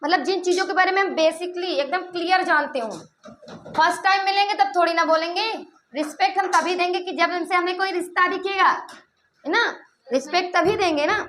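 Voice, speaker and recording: Female teacher, high bright voice, classroom call-and-response, teasing and quizzing. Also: brisk, slight background noise. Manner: keeps quizzing pupils, repeating answers back; playful teasing asides. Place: classroom with pupils.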